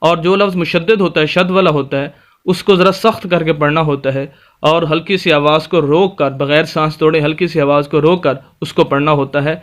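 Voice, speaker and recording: A man teaching Quran reading in a step-by-step recitation lesson, patiently explaining and then slowly spelling out letters and vowel marks. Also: a little high, steady tone. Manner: patient explanatory tone, addresses viewers politely.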